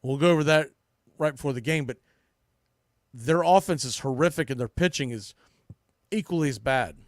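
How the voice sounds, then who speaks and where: A man with a mid-range voice at normal speed hosts a sports podcast, delivering emphatic, blunt baseball opinions off the cuff. He restarts and repeats phrases often, and the studio-quality audio has no room sound.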